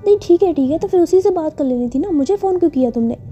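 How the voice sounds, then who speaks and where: A woman's voice: sits high, fairly quick, dark tone, lo-fi sound, faint music behind, natural voice. A woman voicing a jealous, hot-tempered young woman who scolds sharply and sulks. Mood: angry, accusing.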